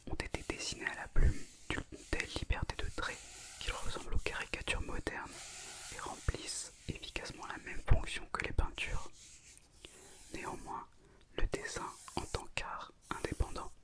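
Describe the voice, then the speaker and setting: A woman reads an educational script in an intimate, unvoiced ASMR whisper.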